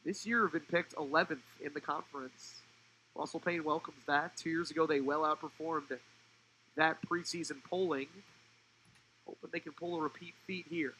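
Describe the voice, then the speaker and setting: A young man giving live play-by-play commentary on a college soccer match, fluent and rising in pitch when the play turns attacking. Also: fairly even intonation, moderate pace, pushed and bright, a little hiss or hum, poor audio.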